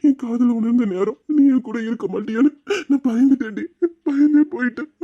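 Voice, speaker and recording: In an audio drama, a man plays a remorseful husband sobbing and pleading with his devoted wife, his voice breaking between laughter and tears. His voice is very high and a little fast, and the recording sounds muffled.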